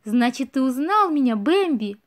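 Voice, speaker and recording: A woman's voice: sits high, sing-song, normal speed. A woman voicing a playful, teasing young female deer in a storybook reading, light in tone.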